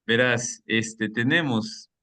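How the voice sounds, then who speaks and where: A man leads a book club over a video call, speaking at an ordinary middle pitch. He is friendly and chatty, laughs lightly now and then, and explains things at length. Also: slow pace, bright, forceful tone. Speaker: reading club moderator. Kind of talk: casual online meeting.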